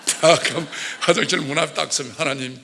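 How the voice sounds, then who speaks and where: A middle-aged man with a Gyeongsang accent, a church elder giving a fervent testimony sermon, swinging from loud cries to hushed confession. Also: a little high, expressive, a little fast, gravelly, a little hiss or hum.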